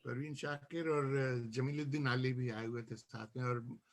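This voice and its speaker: A man reciting his own poem at a literary gathering, in a measured style with repeated refrains, then telling a story about an earlier poetry evening. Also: mid-range voice, little pitch movement. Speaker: poet.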